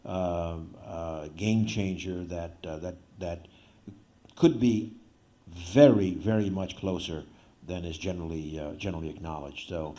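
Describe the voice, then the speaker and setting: A man wraps up a conference panel as its moderator. He speaks haltingly, with many fillers and small laughs. His voice is low-pitched, mellow and warm. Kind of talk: closing remarks.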